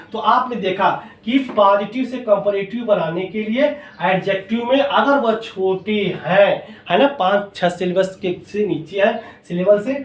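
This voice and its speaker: A male teacher giving a classroom-style grammar lesson, explaining step by step and asking and answering his own questions. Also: high voice. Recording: echoey room, voice a bit far from mic.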